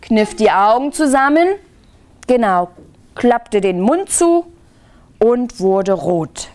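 A woman reads a children's book to young listeners at a library. She pulls them into the story. Her pace is slow and her pitch swings in a lively, animated way. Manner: expressive, involves listeners. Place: library reading.

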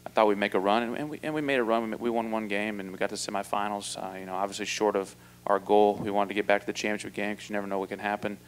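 This basketball head coach, a man in his 40s, responds at a postgame presser through a table mic in an indoor press room where slight background noise is present. He talks in a low-ish voice with little pitch change, measured and flat, halting through many fillers and restarts.

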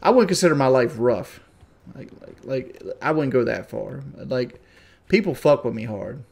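A man's voice: medium pitch, expressive, moderate pace, vocal fry, a little mellow. Rambling Southern man, crude and defensive. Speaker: streamer. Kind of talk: casual stream chat.

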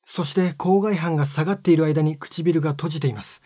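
Calm, slightly high-voiced male teacher. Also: fairly quick, dry recording, clean studio sound. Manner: calm, step-by-step, polite explaining. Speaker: phonetics teacher. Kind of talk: scripted explanatory narration.

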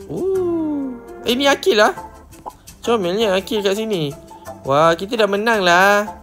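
A man's voice: sits high, a bit bright. Man doing playful Malaysian gaming commentary. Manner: playful, refers to himself in third person. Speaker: gaming channel host. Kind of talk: excited Roblox let's-play commentary. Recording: light background music.

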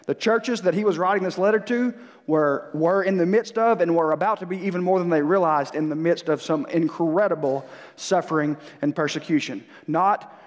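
A male pastor preaching a sermon in a church, talking conversationally with frequent restarts and building in intensity, a little stuffy from a cold. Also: fairly high pitch. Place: church sanctuary. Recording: long reverb of a church hall.

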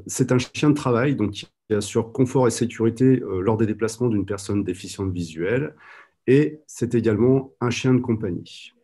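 A man gives a conference presentation over a video call, speaking from a room at home. His voice is low and husky with a dark, mellow tone. He talks hesitantly, filling his pauses with constant fillers. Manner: hesitant, many "euh" fillers. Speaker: guide dog trainer presenting at a conference.

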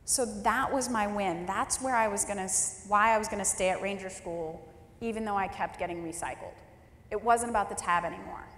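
A woman's voice: medium pitch, fairly quick, a bit bright. A woman in her thirties giving a candid, wry storytelling speech as keynote speaker at a leadership forum. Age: 30s. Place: large hall at a leadership forum. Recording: roomy hall with long reverb.

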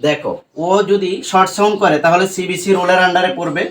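Bengali teacher quizzing himself aloud. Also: male voice, sits high, fast talker, a bit bright. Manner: asks questions and answers them himself, addresses viewers directly. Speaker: English pronunciation teacher. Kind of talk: spoken tutorial lesson.

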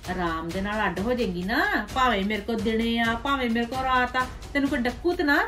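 Actress as meddling village aunt: high voice, gossipy, scolding, scheming; web series drama. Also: female voice, a little fast, a bit bright, soft background music, lightly acted. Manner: gossipy, scolding, ends remarks with "haiṅ?". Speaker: paternal aunt.

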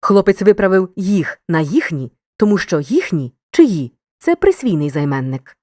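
A woman narrating a scripted grammar lesson in a clear, measured, instructive way. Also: fairly low pitch, very animated, warm tone, dry recording, studio quality.

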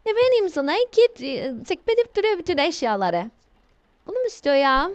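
A young woman playing a horror game while commentating, with excitable, easily startled exclamations. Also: very high-pitched, moderate pace, no room sound, lo-fi sound. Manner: jumpy, shrieking exclamations when scared. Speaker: gamer.

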